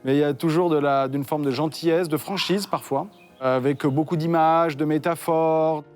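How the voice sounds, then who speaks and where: An interviewee who weighs each phrase slowly and carefully. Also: mid-range voice, steady tone, darkish tone, faint music behind.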